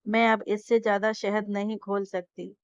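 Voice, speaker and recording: A feisty young woman, quick to snap and quick to coax, voiced plainly by a woman narrator in a storybook. The sound is a little muffled and lo-fi, and the recording is dry and close. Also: mid-range voice, little pitch movement, smooth, dry recording, close to an everyday voice. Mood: pleading. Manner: irritated, then sweetly pleading. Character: feisty annoyed young woman, proud new bride.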